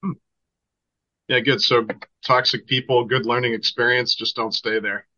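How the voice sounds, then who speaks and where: Bright-voiced Boston man, chatty. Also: medium pitch, little pitch movement, normal speed, highs cut off. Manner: enthusiastic, chatty, restarts often. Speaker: podcast guest, Reiki healer. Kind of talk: casual conversation.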